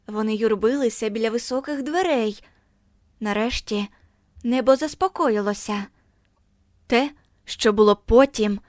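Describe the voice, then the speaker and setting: A woman with a fairly high voice narrates an audiobook, measured and expressive. Her voice sounds close and dry, as if recorded in a treated booth. The pace is steady and careful. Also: no room sound.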